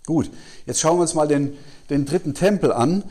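In a conference hall, a man teaches from the Bible in a sermon-like way, asking his listeners questions that he then answers and frequently adding "ja?". His voice is a little high and darkish, and he keeps a moderate pace.

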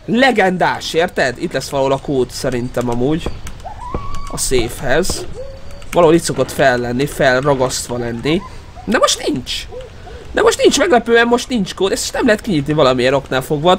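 Excitable high-voiced man gaming. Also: slight background noise. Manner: excitable, mocking the monster, yelps when startled. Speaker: gaming YouTuber. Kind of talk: let's play commentary.

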